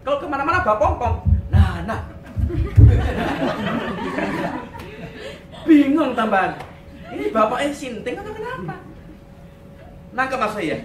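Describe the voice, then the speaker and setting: A male pastor giving a lively sermon in a church, sprinkling in English words and acting out quotes. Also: very high-pitched, takes it slowly, pauses often, a crowd in the background. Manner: animated, mixes in English words, acts out quotes. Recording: echoey room, distant mic, faint noise.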